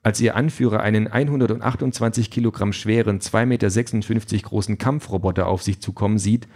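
A man's voice: on the low side, steady tone, fairly quick, a little mellow. A man narrating an audiobook in a dry, wry storytelling manner. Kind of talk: scripted narration.

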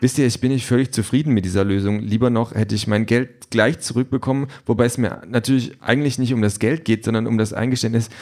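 A man's voice: medium pitch, fairly even intonation, a little mellow, voice pushed up, natural voice. A man doing a babbling, nervous young man. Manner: chatty, rambling, hurried.

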